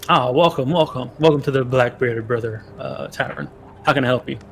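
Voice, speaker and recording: A man's voice: medium pitch, steady tone, brisk, gravelly, a little hiss or hum, close to an everyday voice. A man playing a proud, suspicious eldest dwarf brother who runs a tavern in a tabletop fantasy game, speaking hesitantly and insistently. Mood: welcoming.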